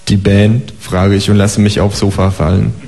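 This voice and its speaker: A man reading his own comic stories aloud in a dry, deadpan first-person narration. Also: fairly low pitch, moderate pace, gravelly. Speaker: author reading.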